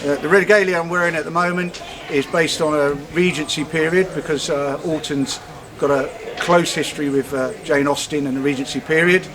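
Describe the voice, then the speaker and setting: A man's voice: on the high side, fairly even intonation, fairly quick, a crowd in the background. A man giving an informal, slightly hesitant explanatory chat. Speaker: town crier. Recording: light background noise.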